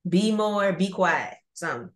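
A woman's voice: medium pitch, expressive, unhurried. A woman chatting casually as a podcast co-host from a hotel room, teasing and repeating phrases for emphasis. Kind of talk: casual chat. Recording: roomy echo of a hotel room.

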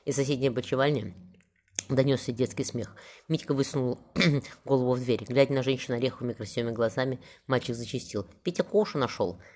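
A man narrating a historical novel audiobook, reading quickly with small slips. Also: medium pitch, fairly even intonation, a little mellow. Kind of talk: scripted narration.

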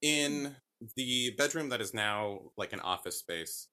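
A man's voice: medium pitch, expressive, measured pace, pushed and bright. A man telling his own ghost stories casually as a podcast guest, rambling and correcting himself with lots of fillers. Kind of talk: casual storytelling.

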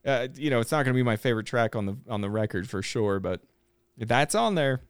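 A man hosting a podcast in a studio, chatting casually, relaxed and rambling with lots of fillers and restarts. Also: mid-range voice, brisk, clear, resonant tone, no echo. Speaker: podcast host. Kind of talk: casual chat.

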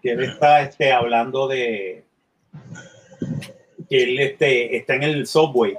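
A man's voice: mid-range voice, slow pace. A man in casual group banter, animatedly retelling movie scenes.

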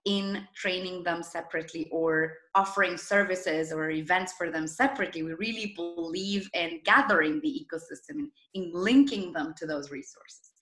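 A woman's voice: fairly low pitch, pushed and bright, echoey room. A woman in her thirties from Argentina, a startup founder telling her story as an interview guest with eager enthusiasm. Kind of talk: video interview.

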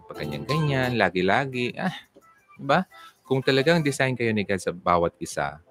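A man hosting a casual livestream, answering viewer comments and giving relationship advice in a chatty, teasing way. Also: lowish voice. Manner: chatty, teasing, animated, switches into English.

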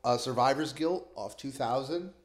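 A man's voice: mid-range voice, moderate pace, reverberant. A man hosting a casual music podcast, talking enthusiastically with lots of fillers. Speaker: podcast host. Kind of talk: casual chat.

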